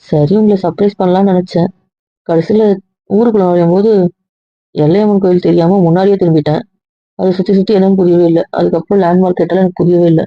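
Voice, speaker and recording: A woman's voice: fairly low pitch, steady tone, fast, dry recording. A woman playing an upset young wife in an amateur audio drama, protesting and explaining herself at length. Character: hurt, defensive young wife. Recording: dry, dull lo-fi audio.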